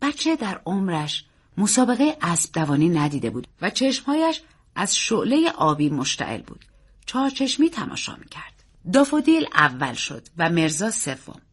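Woman, storybook narrator, husky voice, lively pitch, measured and expressive.

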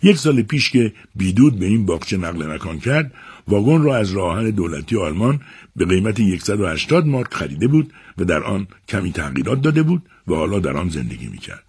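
Male radio narrator, very low voice, husky, lively expressive pitch, measured scripted storytelling.

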